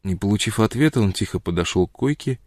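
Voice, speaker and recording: A man reads an audiobook in a measured, steady way. His voice is low, and the close-miked recording is dry, with no room sound. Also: dry recording. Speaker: audiobook narrator. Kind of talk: scripted narration.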